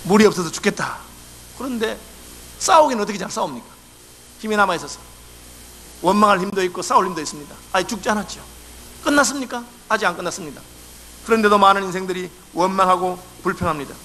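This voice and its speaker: A man's voice: high voice, expressive, fast talker, pauses often, pushed and bright, a little hiss or hum. A male pastor preaching a sermon in a church, acting out complaints in dialect. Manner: acts out quoted complaints in dialect. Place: church sanctuary.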